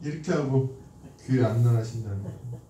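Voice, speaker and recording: A man's voice: mid-range voice, fairly quick, warm tone, slight background noise. A man preaching a sermon in a church. He tells stories conversationally, asks the congregation questions and acts out the lines of the people in his stories. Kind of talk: sermon with storytelling. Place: church sanctuary. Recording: echoey hall from a distant mic.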